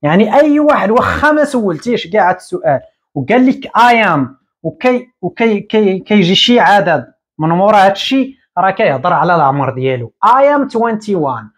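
A man in his thirties with a Moroccan Arabic accent, teaching English at a whiteboard and repeating each word slowly. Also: high voice, sing-song. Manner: explains slowly, repeating words and drawing them out. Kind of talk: whiteboard lesson. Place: small room indoors at a whiteboard.

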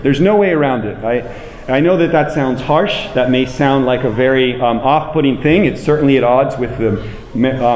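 An American man in his forties gives a public lecture to an audience in an indoor room with plain walls. His mid-range, darkish voice is emphatic and deliberate, repeating phrases for weight. He uses a handheld microphone and later a small clip-on mic, and the recording has a roomy echo and clear background noise.

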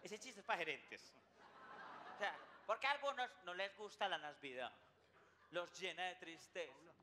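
A man who hosts a comedy show and delivers a playful, slang-heavy stand-up monologue. His voice sits very high for a man, and steady noise runs under the recording. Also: normal speed. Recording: noisy recording.

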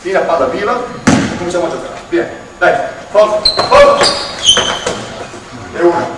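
Male basketball coach, higher voice, explains drills and shouts encouragement, recorded in a gym from a distance. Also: big pitch swings, moderate pace. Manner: explains at length, then shouts urging players on. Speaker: basketball coach running a clinic. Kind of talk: on-court coaching clinic. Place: large indoor gym. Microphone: far camera in the stands. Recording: echoey gym from far off, faint noise.

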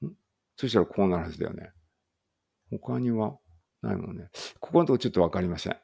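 A man's voice: deep voice, expressive, quick pace, vocal fry, dark tone, slightly rough. A man reading a study text aloud in a casual study-along and thinking aloud in muttered asides. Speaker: language teacher reading aloud.

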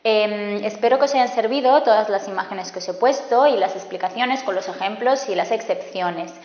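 A woman with a Spain Spanish accent teaching a spelling lesson, slow and deliberate as she spells out examples. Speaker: language teacher. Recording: echoey room, dull low-fi sound.

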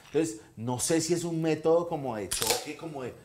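A man in his thirties with a Colombian accent, a guest telling a personal story on a comedy talk show, animated and earnest, acting out the dialogue he quotes. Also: on the high side, moderate pace, noisy background. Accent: Colombian Spanish.

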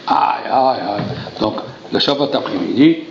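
A man giving a Torah lesson, animated and theatrical, acting out dialogues and crying out in exclamations. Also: mid-range voice, a little slow, vocal fry, a little hiss or hum. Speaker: rabbi teaching a Torah class. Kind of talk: lively French Torah lesson. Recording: roomy lo-fi recording with faint ambience.

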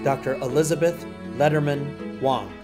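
A man formally reading out graduates' names one by one at a ceremony, in a measured, announcing manner. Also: fairly high pitch. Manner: measured, announces each name. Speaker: ceremony name reader. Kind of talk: formal roll call of graduates. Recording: music playing underneath.

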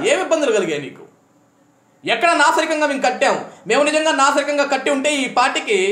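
A man delivering an angry political rebuttal, mocking and taunting his opponent and drawing out his jeering phrases slowly. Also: extremely high pitch, fairly bright tone, echoey room. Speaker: party supporter answering a politician.

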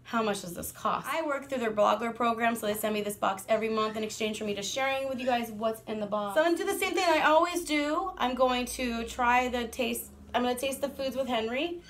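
A woman and mother vlogging a casual product review, chatty and excitable, laughing often. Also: fairly high pitch, brisk, few pauses, slight background noise.

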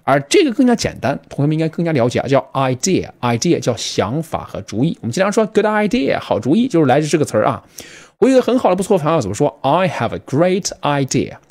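A man teaching a short vocabulary lesson, talking straight to his students and quizzing them as he goes. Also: a little high. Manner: lively, addresses students directly with quick questions. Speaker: English teacher.

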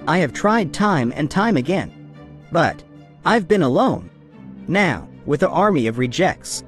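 A man's voice: a little high, sing-song, measured pace, faint music behind. A man voicing the scheming, commanding leader of rejected toy critters in a cartoon, with theatrical delivery. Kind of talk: dramatic cartoon villain acting.

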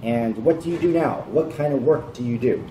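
A middle-aged man giving a casual English lesson in a tea shop, speaking slowly and simply and echoing his learner's words back to her. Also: medium pitch, warm tone. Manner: slow, simple phrasing, prompting and repeating a learner's words. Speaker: English teacher. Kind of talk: casual conversational English lesson with call-and-response drills. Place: indoor tea shop room. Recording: echoey room with background noise.

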